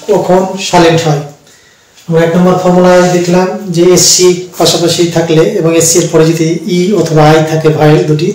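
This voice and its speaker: A man's voice: a little high, a little mellow. Man teaching in a very echoey room. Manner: slow, repetitive, with frequent hesitations. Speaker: English teacher. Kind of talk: explaining a reading lesson. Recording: very echoey room, voice far from the mic.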